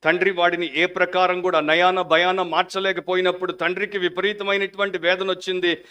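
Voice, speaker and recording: A man preaching a Sunday sermon as a pastor, passionate at the peaks and hushed in prayer, mixing English phrases into his Telugu. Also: high voice, level tone, brisk, smooth. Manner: fervent preaching, shifting into quiet prayer.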